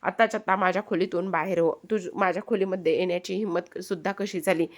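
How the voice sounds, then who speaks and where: A woman voicing a scheming, defiant woman who scolds a young man in a sharp tone. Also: lowish voice, steady tone, quick pace, close to an everyday voice.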